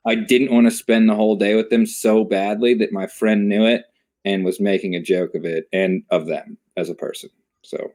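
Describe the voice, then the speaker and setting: A young man on a casual comedy podcast, speaking with dry, self-deprecating humor. His voice is very low and deep. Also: steady tone, normal speed, darkish tone. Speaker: podcast co-host.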